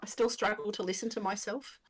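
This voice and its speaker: A woman's voice: medium pitch, steady tone, brisk, husky. Middle-aged woman, broad Australian accent, casual painting-stream chat, self-deprecating, talks through her work. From Australia, Melbourne area. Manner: chatty, self-deprecating, talks to herself while working. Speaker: live stream painting host.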